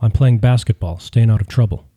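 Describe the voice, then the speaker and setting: A man's voice: fairly low pitch, fairly quick, warm tone, slightly rough. A man reading an earnest, hopeful troubled man.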